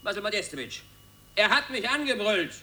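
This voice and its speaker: A fawning finance minister draws out his words in a servile drawl in a radio play. His voice is high and bright, and his pitch bounces widely. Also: sing-song, fairly quick, exaggerated voice. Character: obsequious male finance minister. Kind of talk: 1990s radio play satire.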